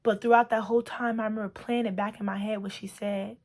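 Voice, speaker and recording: A woman's voice: medium pitch, flat delivery, quick pace. A woman sharing a personal testimony in a vlog, earnest and emotional, often repeating herself and saying "like".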